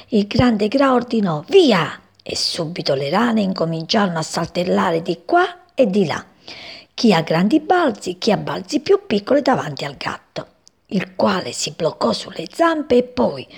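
A woman reading a children's story aloud, expressive and voicing the characters. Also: medium pitch, slightly rough.

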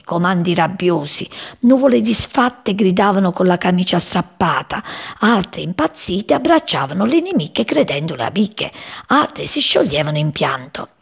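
A woman reading a children's story aloud, expressive and voicing many characters. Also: fairly low pitch, gravelly, husky.

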